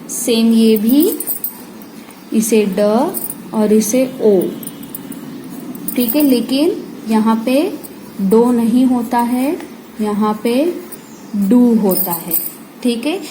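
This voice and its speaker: Slow, patient woman teaching phonics. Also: on the high side, warm tone, a little hiss or hum, poor audio. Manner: patient, spells letters out and repeats sounds. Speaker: home tutor. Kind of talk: slow phonics lesson for parents and kids.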